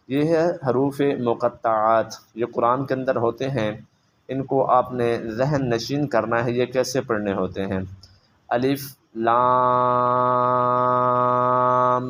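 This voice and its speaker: A man teaching Quran reading, explaining quickly and then drawing out each letter slowly and loudly. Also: medium pitch, background noise. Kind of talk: step-by-step recitation lesson.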